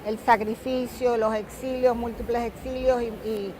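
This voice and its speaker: A woman's voice: fairly high pitch, steady tone, poor audio. Woman, 70s, from Cuba, author interviewed outdoors, leisurely storyteller, street noise behind. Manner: warm, unhurried storytelling with many fillers.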